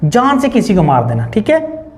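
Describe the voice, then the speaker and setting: A man's voice: high voice, huge pitch swings, moderate pace. A man teaching English verbs in Hindi, asking the class to repeat verb forms again and again. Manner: drills verb forms with repeated call-and-response questions; mixes Hindi with English words. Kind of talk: online spoken-English lesson.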